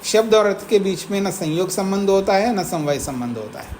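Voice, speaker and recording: Male teacher going through an old text with his class, reads the sanskrit slow then explains, asks if everyone gets it, faint room noise. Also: high voice, lively intonation, a little mellow, low-quality recording. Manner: slows to read the Sanskrit text aloud. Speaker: teacher of philosophy. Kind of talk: classroom lecture on scripture. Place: ashram classroom.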